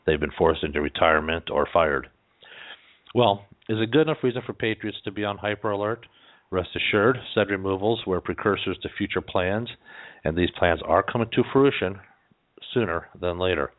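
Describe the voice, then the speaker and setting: A man with a low voice reads out political commentary on a muffled, lo-fi recording. His phrasing is wordy and formal, broken by folksy asides. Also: normal speed. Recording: dull, band-limited lo-fi audio.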